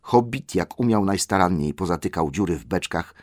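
A man narrating a fantasy audiobook in a steady, measured reading. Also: sits low, dry recording, studio quality. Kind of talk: scripted narration.

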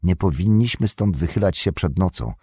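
A man voicing a grave, cautious male hobbit in an audiobook reading, speaking in a hushed way. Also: low-pitched, animated, normal speed, husky, no room sound, studio quality, voice pushed down, heavily acted.

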